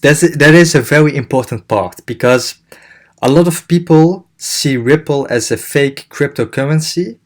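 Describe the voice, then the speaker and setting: A man's voice: fairly high pitch, normal speed. A young man hosting a crypto channel, explaining in a casual way with many fillers and restarts.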